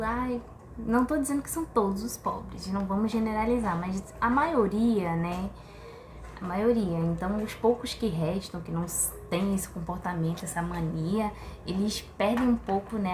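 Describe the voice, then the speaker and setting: A chatty woman talks straight to her viewers, tossing out rhetorical questions and sighing in exasperation. Her voice sits at a middle pitch and rings in a roomy, echoey space. A faint hum of ambience sits behind her. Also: a little mellow. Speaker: vlogger. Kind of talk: casual opinion monologue to camera.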